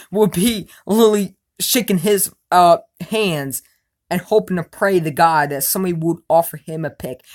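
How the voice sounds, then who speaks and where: Ranting woman sports fan vlogger. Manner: emphatic, repeats "you know what I'm saying"; shifts between loud outbursts and low mutters. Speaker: sports fan vlogger answering viewer questions. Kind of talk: casual opinionated rant.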